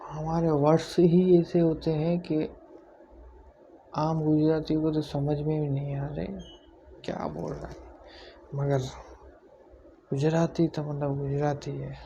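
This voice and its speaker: Soft-spoken man, flat delivery. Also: fairly high pitch, measured pace, long pauses, highs cut off, slight background noise. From Gujarat, India. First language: Gujarati. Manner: speaks quietly on purpose, self-deprecating. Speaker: YouTuber. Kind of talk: casual vlog talk to camera.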